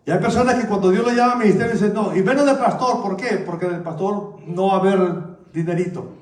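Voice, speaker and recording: High-voiced preaching man in an echoey church. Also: fairly even intonation, quick pace, darkish tone. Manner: conversational preaching, repeats "¿verdad?" and "con el Señor". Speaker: pastor. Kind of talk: sermon. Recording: echoey church hall, mic at a distance.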